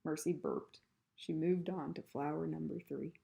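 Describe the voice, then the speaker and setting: A woman reading a children's book aloud in a calm, even storytelling manner. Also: low-pitched, measured pace, vocal fry, a little hiss or hum. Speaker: reader.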